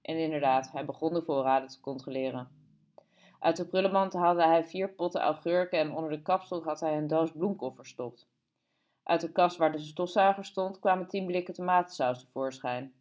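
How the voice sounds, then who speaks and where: Woman audiobook narrator, lowish voice, calm and steady. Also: moderate pace. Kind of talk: scripted narration.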